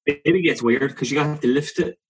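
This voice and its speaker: A man in casual conversation as a podcast co-host, telling rambling stories and interrupting himself, his voice jumping up when he gets excited. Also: fairly high pitch, a little fast, slightly rough, rough recording. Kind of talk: casual chat.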